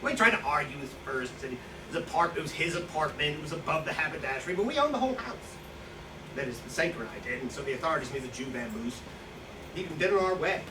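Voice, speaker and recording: In a staged play reading, a male actor with a slightly high voice plays a boastful, hard-drinking Slovak profiteer who sees himself as an outlaw, talking very fast and animatedly in a smug, monologue-like recollection. He rambles, brags, justifies himself and loses his thread. Recorded indoors from a distant microphone, the audio is echoey with a noisy room.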